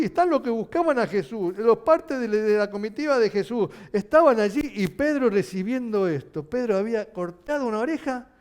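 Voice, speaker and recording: A male pastor preaching a sermon, asking his listeners questions. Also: sits high. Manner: animated, asking the congregation questions.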